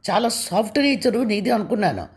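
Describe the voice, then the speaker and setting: A woman voicing a sharp-tongued, proud young wife who talks in a raised, cutting way. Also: medium pitch, lively intonation, a little fast, pitched above the performer's own voice, lightly acted. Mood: scornful.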